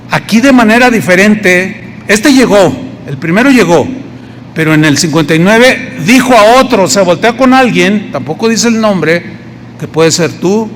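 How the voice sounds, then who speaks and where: Man, Mexican accent, pastor preaching, high voice, long hall echo, faint background noise. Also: expressive, normal speed, fairly bright tone. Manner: conversational preaching, acts out quotes. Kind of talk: sermon.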